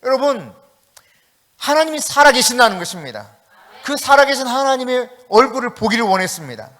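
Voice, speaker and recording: Impassioned high-voiced Korean pastor preaching. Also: male voice, big pitch swings, a little fast. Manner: dramatic swings from shouting to hushed. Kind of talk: sermon.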